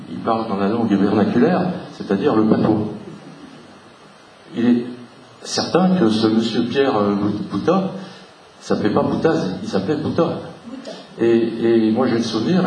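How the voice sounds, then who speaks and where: A man's voice: medium pitch, darkish tone, a little hiss or hum. Man lecturing in an echoey hall. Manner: unhurried, explanatory, spells out letters for the audience. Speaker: local history lecturer. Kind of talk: public talk with slides. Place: hall with a live audience. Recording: echoey room, voice from far off the mic.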